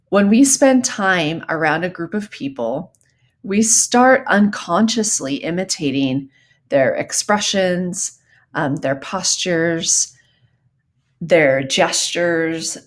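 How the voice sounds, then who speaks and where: A woman from Southern California giving recorded psychology lecture notes in a conversational way, with frequent ums and the odd y'all. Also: lowish voice. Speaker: psychology teacher.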